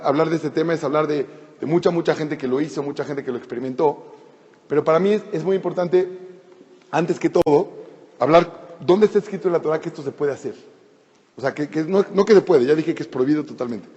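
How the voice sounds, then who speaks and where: A man gives a Torah class, retelling a scripture story in a loose, explanatory way and often restarting his sentences. His voice sits slightly high but sounds mellow. The sound is lo-fi and carries a long reverb. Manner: explanatory, conversational, with frequent restarts and repetitions. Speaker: Torah teacher.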